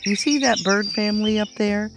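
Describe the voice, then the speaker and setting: A narrator acting out a grumpy old storybook rabbit, raised pitch, bossy, emphatic, excitable, music behind. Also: moderate pace, close to an everyday voice. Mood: grumpy moaning. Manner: moaning, scolding, emphatic.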